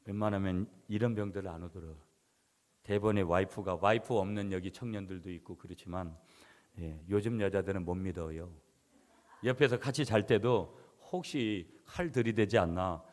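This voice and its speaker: A middle-aged man preaching a sermon as pastor, swinging between loud emphatic passages and quiet asides to the congregation. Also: low voice, moderate pace. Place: church sanctuary. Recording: church hall reverb.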